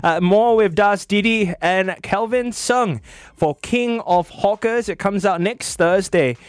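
A man's voice: high voice, unhurried, clear, resonant tone, dry recording, clean studio sound. A man with a Singaporean accent hosting a show, interviewing guests with casual banter. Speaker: show host.

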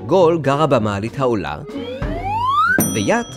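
A man narrating a children's story in an expressive, storytelling manner. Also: mid-range voice. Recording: music playing under the voice.

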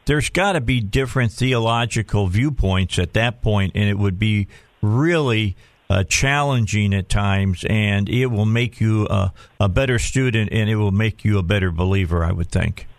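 A man's voice: lowish voice, normal speed, no room sound. A man hosting a talk radio show in an informal, folksy way, often repeating phrases for emphasis.

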